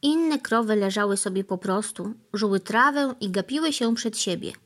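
A woman narrating a children's storybook in a gentle, even manner. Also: medium pitch, moderate pace.

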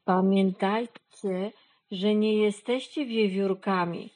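A woman's voice: medium pitch, steady tone, slow pace, a little mellow, lightly acted. A woman voicing a wise, admonishing male cat in a storybook reading. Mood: stern. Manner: admonishing and didactic.

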